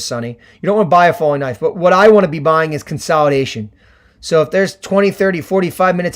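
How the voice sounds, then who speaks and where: A slightly high-voiced young man, a bit hoarse after a weekend of shouting, talks through stock charts for his livestream viewers. His delivery is chatty and loose, full of ums, uhs and restarts as he explains. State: hoarse from screaming at games. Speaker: livestream trading host. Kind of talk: casual Q&A livestream, answering chat.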